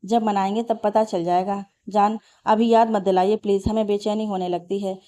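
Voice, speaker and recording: A loving young husband from a read-aloud story, tender, gently teasing and courteous, as a woman narrator speaks his lines. The voice stays soft and mellow, never sharp. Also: mid-range voice, fairly even intonation, normal speed, close to an everyday voice. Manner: soft, tender and polite, using respectful plural address.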